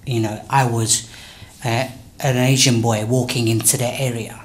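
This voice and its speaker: A man in his late twenties from England, speaking quietly and haltingly in an interview indoors. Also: medium pitch, flat delivery. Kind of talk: recounting a past attack in an interview. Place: indoors at a youth project.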